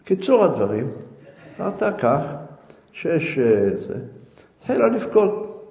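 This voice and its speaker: A man telling a folk tale live to an audience, in a halting, searching way. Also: on the high side, big pitch swings, creaky. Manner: hesitant, halting restarts. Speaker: storyteller. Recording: echoey hall, dull lo-fi sound.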